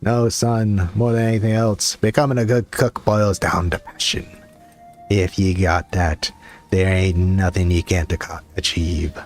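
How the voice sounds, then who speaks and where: A man voicing a gruff old male pirate guildmaster cook in a game, with a rough pirate drawl. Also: sits low, fairly even intonation, measured pace, soft background music. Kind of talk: reading game dialogue aloud.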